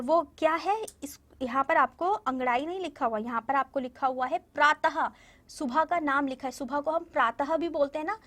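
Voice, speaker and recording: A woman teaching a Hindi lesson to young children. She repeats each word slowly and keeps asking the class questions. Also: high-pitched, a bit bright. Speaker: primary school Hindi teacher.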